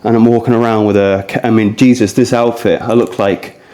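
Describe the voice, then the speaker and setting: A fitness vlogger in his early thirties talks casually to the camera, meandering as he leads a core session and speaks right to his audience. He sounds warm and fairly low, with brisk pacing and fairly even intonation.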